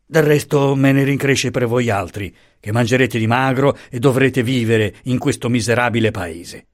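A man voicing a placid, slow-witted old bachelor uncle with a deep, solemn, wheezy voice, speaking slowly and pausing to find words. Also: lightly acted.

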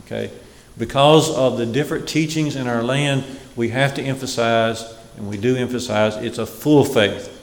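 A man's voice: medium pitch, fairly even intonation, gravelly. Man preaching in an echoey hall. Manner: measured, repeats phrases for emphasis. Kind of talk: sermon. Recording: echoey hall with long reverb.

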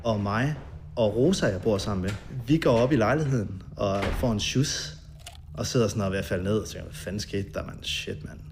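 A man tells an old story in a documentary interview, stopping often on fillers as he searches for words. His voice is low and gravelly, with a faint hiss behind it. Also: a little mellow. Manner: hesitant, full of fillers. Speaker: interviewee recalling a past night. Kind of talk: documentary interview, casual recounting.

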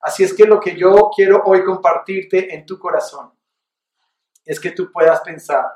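High-voiced male pastor in an echoey room. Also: darkish tone, recorded from a distance. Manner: earnest, reflective storytelling, slow emphatic phrasing when teaching. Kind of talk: sermon, personal testimony then teaching.

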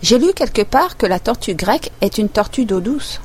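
A woman's voice: fairly high pitch, lively intonation, normal speed, darkish tone, slightly rough, voice pushed up. A woman reader voicing a polite, curious young girl in a storybook, earnest and questioning, close to her own voice.

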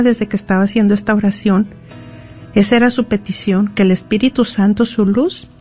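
A woman's voice: mid-range voice, a little mellow. Woman giving a pastoral marriage talk. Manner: conversational, acts out little scenes. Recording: dull lo-fi sound with faint music.

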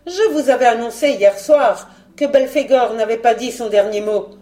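A woman's voice: fairly high pitch, lively intonation, unhurried, warm tone, reverberant. A woman voicing an elegant, scheming female villain in a storybook reading, speaking in a dry, implacable, ironic way. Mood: icy.

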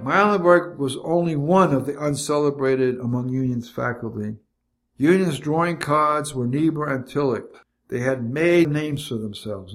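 An older man reading his own memoir aloud in a measured, reflective way. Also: medium pitch. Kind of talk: scripted memoir narration.

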